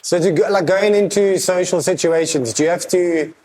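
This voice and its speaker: A man interviewing a guest, asking casual questions haltingly and rephrasing them as he goes. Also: high-pitched, a little mellow, slight background noise.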